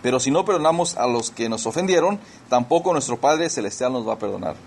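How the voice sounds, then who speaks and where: A man's voice: medium pitch, animated, fast, vocal fry, slight background noise. A pastor preaching a sermon. He explains scripture verse by verse, repeats key words for emphasis, and speaks directly to his congregation as brothers and sisters.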